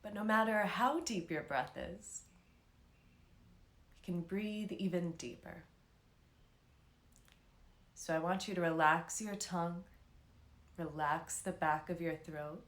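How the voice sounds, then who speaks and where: Leading a live guided meditation, this woman speaks slowly and soothingly, leaving long silences between phrases. Her lowish voice carries in a reverberant space.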